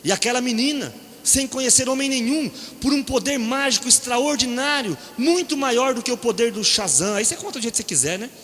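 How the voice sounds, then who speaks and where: A middle-aged man with a Brazilian Portuguese accent preaches in a lively storytelling style, joking and acting out voices as he goes. His voice sits high and rings bright. The sound carries a long hall reverb. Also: fairly quick, hardly any pauses. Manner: animated, jokes and acts out quoted voices, keeps asking "né?". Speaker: preacher at a deliverance seminar. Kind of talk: humorous storytelling sermon. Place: church or seminar hall. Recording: echoey hall.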